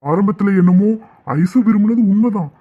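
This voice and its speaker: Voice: mid-range voice, brisk, slightly rough, lightly acted. An actor voicing a stubborn young adult son in a cartoon, firm and exasperated with his mother. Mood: stubborn refusing. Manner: firm, exasperated, then panicked. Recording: tinny phone-like audio.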